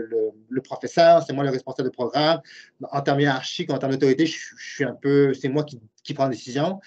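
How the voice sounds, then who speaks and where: Heard over muffled, lo-fi web call audio, a Québécois French-accented man in his late forties speaks in a slightly mellow voice that sits on the high side. He directs a university program and teaches there. Answering questions in a webinar, he explains his views earnestly and thinks out loud.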